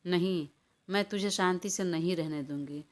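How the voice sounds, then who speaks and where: A woman's voice: lowish voice, normal speed, lightly acted. A woman reading an audio story, voicing a stubborn, hot-tempered young woman in a quarrelsome, defiant manner. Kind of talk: audiobook character voice.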